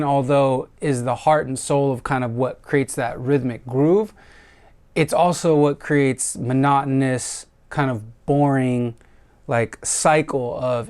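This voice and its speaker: A man's voice: mid-range voice, darkish tone, smooth. An American man giving a casual, reflective review of a dance track, talking loosely with frequent fillers and the odd swear word. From United States. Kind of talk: casual music review monologue.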